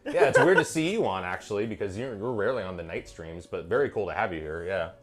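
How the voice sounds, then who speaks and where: A man's voice: lowish voice, expressive, fast talker, a bit bright. A man hosting a home cooking livestream from his kitchen, tipsy on wine and joking around with lots of swearing. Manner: profane, joking banter. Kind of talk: casual cooking stream chat.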